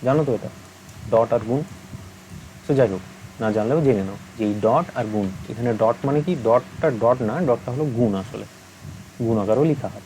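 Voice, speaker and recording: A young man teaching an online maths lesson, patient and steady, checking in with the listener again and again. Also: medium pitch, moderate pace, long pauses, slight background noise, rough recording. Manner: patient, asks many check-in questions.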